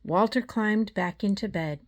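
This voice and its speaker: A woman reading a children's storybook aloud in a measured, deliberate way. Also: medium pitch, slight background noise.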